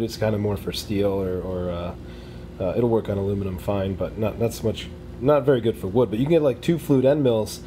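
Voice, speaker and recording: A man's voice: on the low side, warm tone. A man hosting a DIY video, casually explaining as he works with tools in his garage workshop, talking half to himself. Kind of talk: casual workshop how-to narration. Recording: noisy workshop recording.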